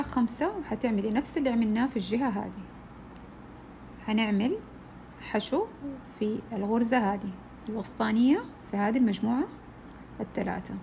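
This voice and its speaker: Lady teaching crochet, slightly high gravelly voice, counting stitches out loud. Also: a little hiss or hum. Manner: counts stitches aloud, patient. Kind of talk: step-by-step tutorial.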